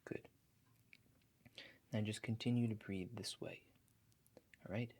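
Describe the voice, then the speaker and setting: A man whose voice sits on the low side takes the role of a house-call relaxation agent in an ASMR scene, calm and attentive as he leads breathing. His pace is slow and gentle; he calmly explains, reassures, instructs and keeps checking in.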